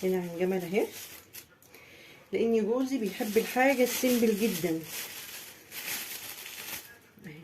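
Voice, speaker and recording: Medium-pitched, with background noise, a woman with an Egyptian Arabic accent decorates a birthday cake in her home kitchen. The chatty home baking vlogger guides viewers through each step of this casual tutorial.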